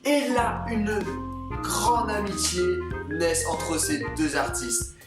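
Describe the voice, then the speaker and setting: A woman's voice: mid-range voice, animated, slow pace. A woman in her twenties hosting a video with chatty narration and playful, theatrical asides. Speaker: video host. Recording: roomy, distant mic, loud music. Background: loud music.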